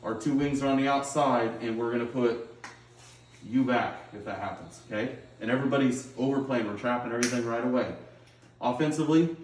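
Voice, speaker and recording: A middle-aged man, a basketball coach, gives his team a pregame pep talk, plain-spoken and instructive, often checking in with a quick okay. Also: medium pitch, darkish tone. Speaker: high school girls' basketball coach. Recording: roomy echo, distant microphone.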